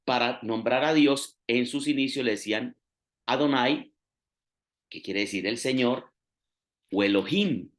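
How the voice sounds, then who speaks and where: Preacher, male, mid pitch, patient teacherly delivery. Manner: teacherly, explains step by step, rising emphasis on key phrases. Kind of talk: sermon.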